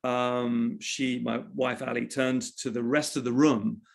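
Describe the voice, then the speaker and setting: A man's voice: mid-range voice, level tone, unhurried, gravelly. Reflective man telling a story. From England. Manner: reflective, often restarting phrases. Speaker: interview guest, journalist and author. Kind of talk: conversational storytelling.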